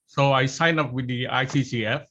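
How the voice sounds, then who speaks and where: A man's voice: mid-range voice, steady tone, moderate pace, sharp tone, a little hiss or hum. A man from the Philippines introducing himself on a video call, hesitant, with many fillers. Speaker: national chess delegate. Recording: dull lo-fi call audio.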